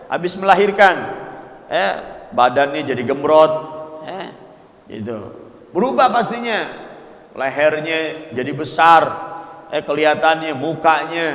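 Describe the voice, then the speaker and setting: A man, teaching a casual, lively sermon in a mosque and mixing in Arabic quotes. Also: fairly high pitch. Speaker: religious teacher. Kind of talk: mosque study-circle sermon. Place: mosque hall. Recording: echoey mosque hall with long reverb.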